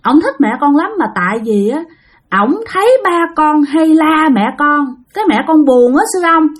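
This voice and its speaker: A woman's voice: sits high, animated, moderate pace, pitched above the performer's own voice. A woman voicing the spirit of a small girl who talks in a whiny, pleading, childish way. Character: whiny little girl spirit possessing her mother.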